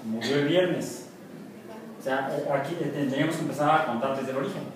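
In a university math class, a Mexican man lectures with jokes and questions for his students. His voice sits at a medium pitch and moves at a moderate pace, picked up from a distance in an echoey, noisy classroom.

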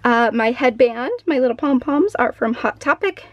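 A woman's voice: a little high, moderate pace, dry recording. A young woman chatting casually in a bubbly, gushing vlog style. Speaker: vlogger.

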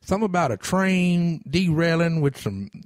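Male podcast host, lively rambling storyteller, loose and profane, dry close room. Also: on the high side, moderate pace, no echo. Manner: rambling, swears freely, restarts a lot. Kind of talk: casual storytelling chat.

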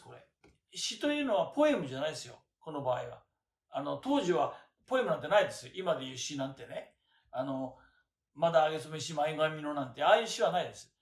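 An older man giving a chatty lecture on classical texts, asking rhetorical questions and pausing with fillers. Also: fairly high pitch. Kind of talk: casual lecture. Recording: roomy echo.

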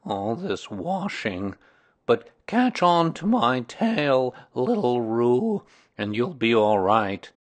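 A performer voicing a gloomy old male donkey in a children's story, grumbling in a deadpan manner. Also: medium pitch, takes it slowly, no echo.

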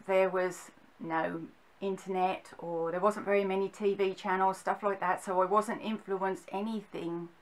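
A woman's voice: mid-range voice, poor audio. A middle-aged woman with a Suffolk accent, explaining things to camera in a casual, hesitant, rambling way. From Suffolk, England. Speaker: vlogger explaining local dialect. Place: small furnished room at home, indoors.

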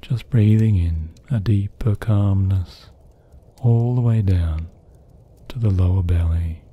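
The audio is dull as a man with a deep voice narrates a guided sleep meditation. His delivery is soft, breathy, gently hushed and calming, with long pauses between each phrase.

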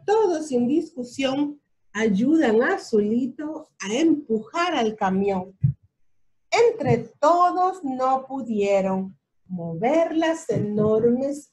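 A woman reading a children's storybook aloud, slow and expressive, pausing to point things out to a young listener. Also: high voice.

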